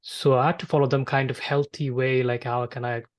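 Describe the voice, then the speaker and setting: A Bangladeshi podcast host leads a casual interview chat in a mid-pitched, flat voice with very little melodic movement. He speaks haltingly, often circling back over his words with repetitive phrasing and frequent use of the filler "like."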